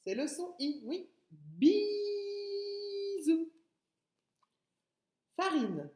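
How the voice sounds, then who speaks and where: A woman teaching a phonics lesson to young children, sounding out each word slowly and stretching the syllables. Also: mid-range voice, very animated, dark tone. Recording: echoey room.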